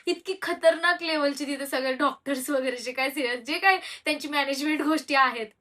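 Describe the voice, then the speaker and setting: Bright, high-voiced young woman recounting. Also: steady tone, a little fast, far from the mic. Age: young adult. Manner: candid, rambling, with frequent hesitations and restarts. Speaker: vlogger. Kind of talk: personal storytelling to viewers.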